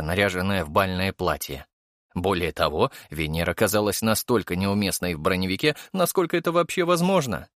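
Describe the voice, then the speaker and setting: A man narrating first-person fiction for an audiobook in an expressive, animated manner. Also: deep voice, no echo, studio quality.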